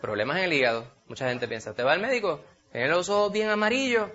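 A man preaching a sermon, animated, asking rhetorical questions and calling his listeners brother. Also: fairly high pitch, fast. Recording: dull lo-fi recording.

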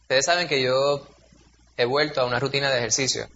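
A man's voice: medium pitch, fairly even intonation, brisk, sharp tone, highs cut off. A man, preaching a sermon in a conversational, storytelling way, acting out quotes in a raised voice. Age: 40s.

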